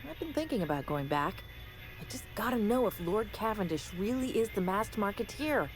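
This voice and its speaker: A woman's voice: medium pitch, normal speed, soft background music, natural voice. A woman playing a bored young runaway. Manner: flat, listless and offhand. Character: bored young woman who ran off with raiders. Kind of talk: video game dialogue.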